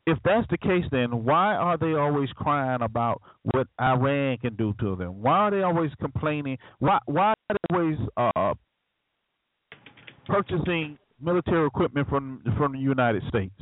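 A man hosting a call-in talk show, asking rambling, halting questions full of fillers. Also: mid-range voice, animated. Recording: dry phone-like line.

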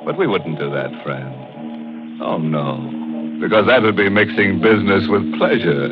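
An actor playing a macabre, mock-friendly horror host in the deliberate manner of a vintage radio horror narrator. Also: male voice, low-pitched, expressive. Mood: sinister, wry. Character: ghoulish, wisecracking male horror host, sinister and genial. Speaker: host of a horror mystery show. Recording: dull vintage radio recording with music.

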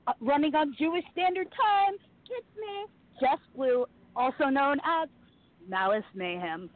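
A woman's voice: sits high, lively intonation, a little slow, dry recording. A woman co-hosting a radio show in casual chat, with a wry, self-mocking manner. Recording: tinny phone line.

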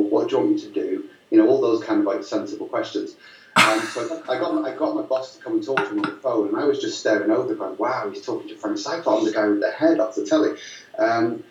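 A man's voice: mid-range voice, darkish tone, a little hiss or hum. A man, telling stories in a rambling, amused way with many fillers and restarts. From Lancashire, northwest England. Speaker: filmmaker guest. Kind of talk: casual storytelling interview. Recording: roomy, distant, dull mic sound.

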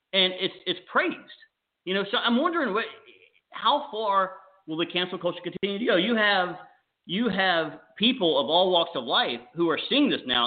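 Male political talk host, higher voice, on a crackly phone line that fades in and out, emphatic with restarts. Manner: emphatic, stumbling restarts, rhetorical questions. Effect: crackly phone line fading in and out. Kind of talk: political talk show chat. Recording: tinny phone-like line, cutting out.

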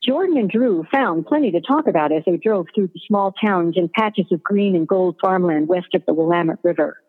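A woman narrating a scripted story in an even, descriptive way, over a tinny line with long reverb. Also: on the low side, moderate pace, slightly rough.

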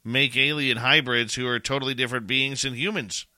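A man's voice: mid-range voice, fairly even intonation, a little fast, sharp tone, dry recording. A man hosting a podcast, reading out listener questions in a joking, teasing manner. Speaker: podcast host.

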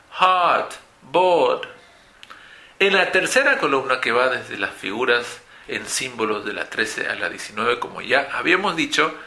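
A man teaching an English pronunciation lesson in Spanish, modelling words slowly for students to repeat. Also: mid-range voice, creaky, sharp tone, reverberant.

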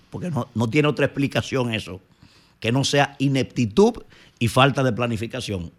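A man with a Dominican Spanish accent, delivering indignant, scolding opinion commentary on a morning radio show. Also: medium pitch.

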